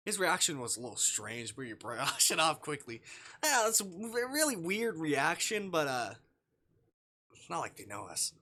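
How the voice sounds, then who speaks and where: Streaming a visual novel casually, a man reads the text out loud and adds playful, muttered commentary. His voice is fairly high, bright and forceful, swinging widely in pitch at a moderate pace.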